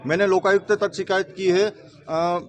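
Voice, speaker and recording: High-voiced man making an aggrieved complaint. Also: fairly even intonation, normal speed. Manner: aggrieved, insistent. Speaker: complaining employee. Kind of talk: interview statement.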